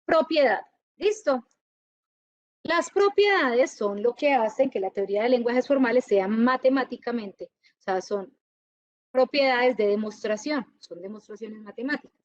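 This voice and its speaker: Woman teaching a class, high voice, lively, kinda dull dry recording. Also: measured pace, no echo. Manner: lively, checks often with students. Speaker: university lecturer. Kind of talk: classroom lecture.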